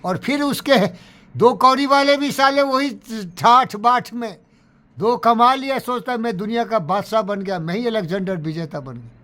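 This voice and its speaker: A man's voice: very high-pitched, normal speed, sharp tone. A man telling stories from his life in a rambling, emotional monologue, sprinkled with curses. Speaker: speaker recounting his life. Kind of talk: animated storytelling monologue.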